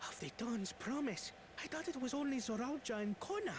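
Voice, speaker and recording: A woman playing a gossipy townswoman in a video game, animated and snidely dismissive. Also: on the high side, a little fast, noisy background, close to an everyday voice. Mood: dismissive gossip. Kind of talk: video game cutscene acting.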